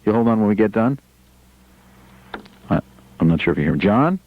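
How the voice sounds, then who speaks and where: This radio host has a lowish voice and talks briskly and very animatedly. He interviews callers by phone on a live show from the studio, friendly yet stumbling over his questions. The recording has a dull, broadcast-radio quality.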